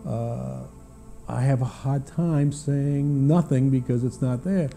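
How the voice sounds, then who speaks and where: An older American man recounts what he witnessed in a very dark, soft-edged voice of medium pitch. His delivery is hesitant and halting, broken by uhs and restarts, like unscripted testimony. Faint music plays under him. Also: creaky. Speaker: witness, former government aviation official. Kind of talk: personal testimony, unscripted recollection.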